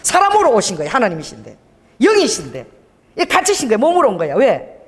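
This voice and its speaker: A woman's voice: a little high, fast talker. A middle-aged woman pastor preaching a sermon, telling stories with laughter and acting out dialogue. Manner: animated, laughing, acts out dialogue. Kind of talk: sermon with storytelling. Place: church sanctuary. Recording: long hall reverb.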